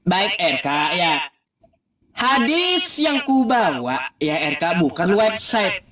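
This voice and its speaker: A man's voice: sits high, sing-song, slow, bright, forceful tone, roomy sound, far from the mic. A man in a religious debate who cites his sources by number, fills his speech with short tag words, and teases his opponent.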